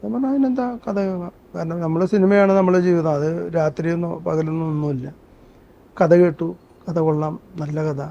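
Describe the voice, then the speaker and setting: Male guest, earnest storyteller, higher voice, muffled lo-fi sound. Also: fairly even intonation, fairly quick, dark tone. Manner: earnest storytelling, breaks into song. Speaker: interview guest, actor and singer. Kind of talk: conversational interview with sung excerpts.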